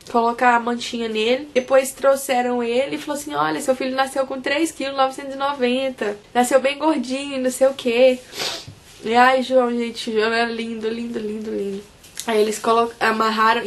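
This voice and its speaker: A young woman with a Brazilian Portuguese accent, earnestly recounting a personal story to her viewers in a soft, casual way with frequent restarts. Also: fairly high pitch. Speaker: vlogger.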